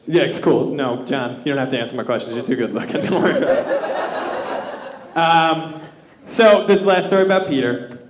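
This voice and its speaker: A man doing live stand-up comedy, telling stories and working the crowd in an animated, self-deprecating, profane way. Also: a little high. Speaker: stand-up comic. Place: indoor comedy club stage before a live audience. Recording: echoey comedy club with audience. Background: audience laughter.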